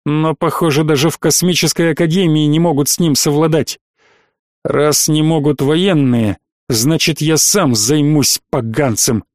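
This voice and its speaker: A man's voice: fairly high pitch, unhurried, no room sound, studio quality, close to an everyday voice. Man doing a harsh domineering mayor. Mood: stern. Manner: stern, clipped. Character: harsh domineering middle-aged father, a mayor.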